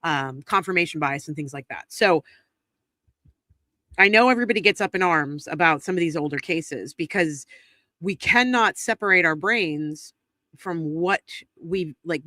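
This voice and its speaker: This true crime stream co-host is a congested woman with a deep, sharp-toned voice, captured dry on a close streaming mic. She works from a home studio near the DC area and talks casually, thinking aloud with many ums and restarts.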